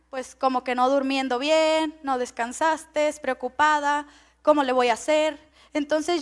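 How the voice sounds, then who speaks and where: A high-pitched, middle-aged woman preaching. She talks in a chatty, storytelling way and laughs often. Her sentences stumble and restart as she addresses her congregation. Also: pushed and bright. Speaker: pastor. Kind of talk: sermon with personal story.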